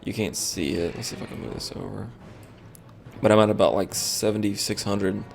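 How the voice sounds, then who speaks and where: A man's voice: fairly low pitch, steady tone, fairly quick, creaky, soft background music. A tired man streaming a game, rambling and thinking aloud with lots of fillers as he comments casually.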